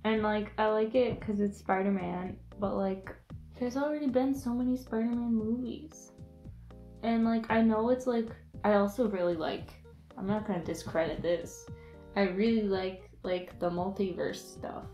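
A young woman chats casually at a table, giggly and rambling, sprinkling her sentences with "like." The camera mic sits a few feet off, so the small room adds a noticeable echo. Faint music plays softly behind her. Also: medium pitch, fairly even intonation, moderate pace. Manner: chatty and giggly, full of "like" fillers. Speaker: host. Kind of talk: casual chat.

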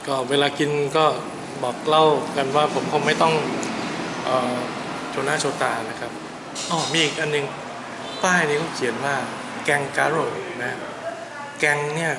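A man vlogging casually as he tastes a local dish at a small eatery, talking in a relaxed, musing way with polite particles and frequent pauses. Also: fairly high pitch. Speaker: travel vlogger. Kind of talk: casual food-tasting vlog. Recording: clear background noise.

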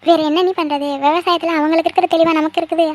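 A woman's voice: extremely high pitch, level tone, fast talker, darkish tone. A woman voicing a practical young village woman who helps on the family farm, in a cartoon family drama. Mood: matter-of-fact.

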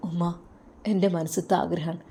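A woman voicing a troubled young male religious scholar who deeply loves his mother, speaking softly and sorrowfully. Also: little pitch movement, a little fast, lightly acted. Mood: tender. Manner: soft, sorrowful, heartfelt.

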